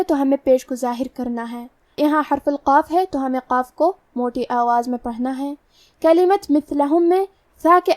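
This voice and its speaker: High-voiced woman teaching Quran recitation. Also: a little mellow, no room sound, clean studio sound, far from the mic. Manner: slow, careful, methodical explanation. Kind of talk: tajweed lesson, explaining letter rules.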